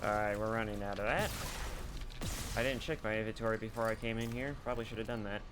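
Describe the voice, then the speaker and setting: A man's voice: lowish voice, steady tone, quick pace, background noise. A man giving a casual, crude and sarcastic commentary on a horror game as he plays, swearing freely. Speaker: gameplay streamer. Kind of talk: casual let's play commentary.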